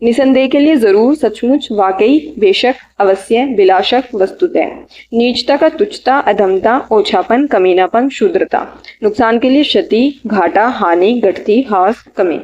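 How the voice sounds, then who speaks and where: A woman teaching exam vocabulary, listing synonyms in short bursts and adding quick study tips. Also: on the high side, darkish tone, dull audio. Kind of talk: reading out synonym lists for an exam lecture.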